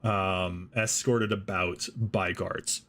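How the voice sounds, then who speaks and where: A man's voice: low-pitched, steady tone, slow, fairly bright tone. A man acting as game master, explaining rules and the map step by step to his players. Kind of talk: narrating a tabletop game.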